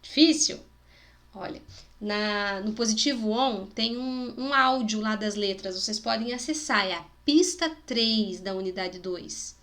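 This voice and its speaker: In a video lesson for schoolchildren, a woman with a Spanish-speaking accent speaks at a measured pace in a mid-range, slightly bright voice. Patient in her explanations, she sounds out example words and checks understanding with "né?" and "tá bom?".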